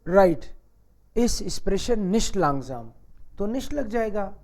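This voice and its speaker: A man with a fairly high voice teaches a German grammar lesson. He talks in a loose, conversational way, teasing the learners and peppering them with rhetorical questions. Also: very animated, a little slow, a little mellow. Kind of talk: casual classroom-style lesson.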